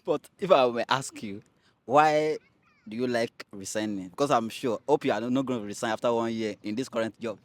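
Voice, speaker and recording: A man hosting a casual interview show, energetic, with steady "mm" backchannels. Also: medium pitch, fairly quick, no echo. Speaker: host.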